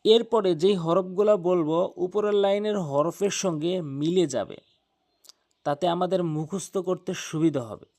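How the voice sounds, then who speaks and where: Slow patient guy teaching quran letters, kinda high voice, drags out each sound. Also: dark tone. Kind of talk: slow instructional pronunciation lesson.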